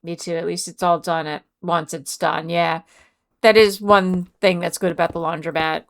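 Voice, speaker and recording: A woman's voice: lowish voice, flat delivery, normal speed. A woman streamer chatting casually with her viewers, reading out and answering chat messages. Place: home.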